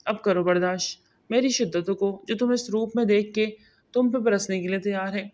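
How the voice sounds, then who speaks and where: A brooding, domineering young husband, as a woman reader puts him on in an audio novel. He talks in a low, intense murmur at a middling pitch. The tone stays commanding and close. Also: fairly even intonation, darkish tone, natural voice.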